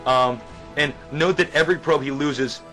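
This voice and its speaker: A man doing live game commentary, excitable and stumbling over repeated words, his voice going hoarse. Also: mid-range voice, moderate pace. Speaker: esports caster. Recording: music clearly behind. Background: background music.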